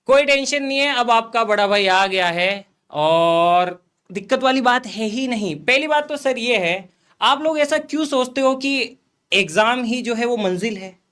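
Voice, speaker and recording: High-voiced earnest young man. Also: lively intonation, measured pace, sharp tone, clean tone. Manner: earnest, addresses viewers as guys and host as sir. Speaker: guest influencer. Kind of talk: motivational chat.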